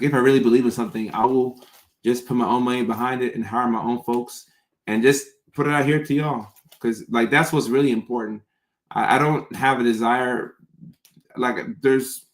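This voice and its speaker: Man, roomy echo, mid-pitched voice, loose conversational style, weak R sounds, repeats himself for emphasis. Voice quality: trouble pronouncing R sounds. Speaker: content creator hosting a live question session. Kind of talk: casual off-the-cuff chat, answering viewer comments.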